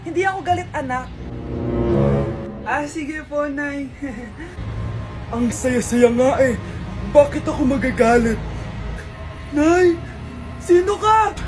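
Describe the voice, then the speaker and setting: Woman, high voice, comedy sketch acting over loud background music, switches between characters. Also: expressive, slow, pauses often. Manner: switches between mother, child and vendor characters. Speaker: comedy skit creator playing several roles. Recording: music playing behind.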